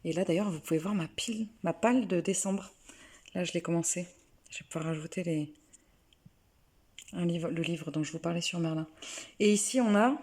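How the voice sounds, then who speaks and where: A woman's voice: on the low side, vocal fry, a little mellow, reverberant. A young adult woman chatting casually about her books to camera, self-mocking and full of restarts. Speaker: book vlogger.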